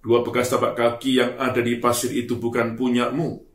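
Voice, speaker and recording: A man voicing a calm, tender God. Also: medium pitch, normal speed, natural voice. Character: calm, tender God comforting his child. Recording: roomy echo.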